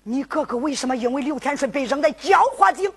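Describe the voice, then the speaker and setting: A woman's voice: high voice, animated, quick pace, a little hiss or hum. A woman with a Henan accent performing zhuizi storytelling, narrating in a rhythmic sung and spoken style.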